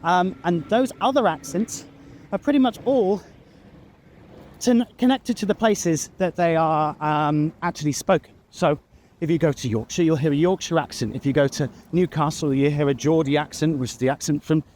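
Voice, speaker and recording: A man with a Received Pronunciation accent, rambling in a relaxed way while walking his dog outdoors. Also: a little high, normal speed, a little hiss or hum. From England. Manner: chatty, relaxed, with frequent ums and uhs. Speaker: vlogger. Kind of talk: casual explanatory ramble.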